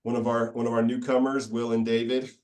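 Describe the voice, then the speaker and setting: A man's voice: mid-range voice, completely flat delivery, fairly quick, a little mellow, far from the mic. Upbeat man hosting a video call. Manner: upbeat, laughs often, loose and joking. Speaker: meeting host. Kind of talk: casual video call chat.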